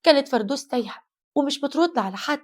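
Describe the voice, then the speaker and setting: A woman with an Egyptian accent narrating a horror story in a brisk, suspenseful way. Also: high-pitched, expressive.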